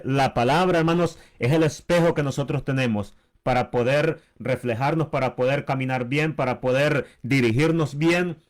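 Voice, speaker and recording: A man co-hosting a Bible teaching with his wife, speaking slowly and warmly addressing his listeners as brothers. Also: fairly high pitch. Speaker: pastor.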